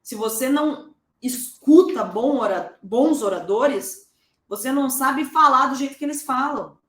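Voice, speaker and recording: A woman's voice: high-pitched, normal speed, reverberant. Slangy woman teaching public speaking. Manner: casual, slangy, repetitive examples. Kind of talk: masterclass lecture.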